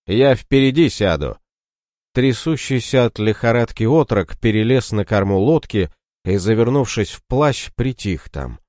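A man narrating an adventure audiobook with expressive storytelling. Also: lowish voice, moderate pace, no room sound, studio quality.

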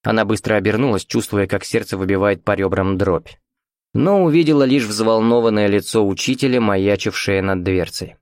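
A man narrating a horror audiobook in a measured, somber manner. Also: lowish voice, no echo, studio quality.

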